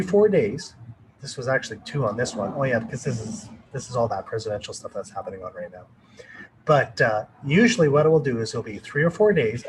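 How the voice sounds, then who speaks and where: A man's voice: mid-range voice, low-quality recording. A man presents a live trading webinar, explaining his charts while answering viewers' questions. He talks in a loose, rambling way, restarting sentences and filling gaps with "you know" and "uh". The recording carries a faint background hiss from his computer mic. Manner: loose, rambling, thinks aloud with fillers.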